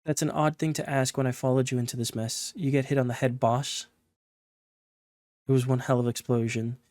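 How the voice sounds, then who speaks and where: A man reading the lines of a gruff, tired male mercenary in a text-based game. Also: medium pitch, steady tone, a little fast, a little mellow, no echo, clean studio sound, lightly acted. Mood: blunt.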